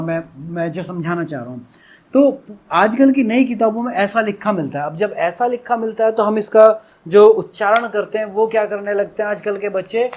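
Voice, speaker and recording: A young adult man teaching a Hindi lesson, explaining patiently and drawing out syllables to show pronunciation. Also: high voice. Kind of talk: classroom-style lesson explanation.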